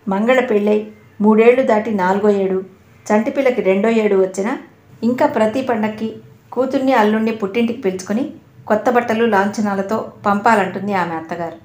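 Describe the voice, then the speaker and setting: A woman narrating an audio novel in a measured, even storytelling manner. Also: medium pitch. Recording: roomy echo.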